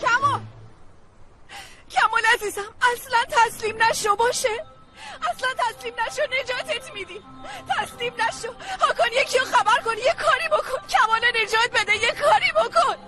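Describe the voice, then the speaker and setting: A woman's voice: extremely high pitch, music in the background, crowd noise. A woman dubbing a heartbroken young wife who cries and pleads in a TV drama. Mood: desperate. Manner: pleading, sobbing. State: crying. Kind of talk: Persian dub of a TV drama.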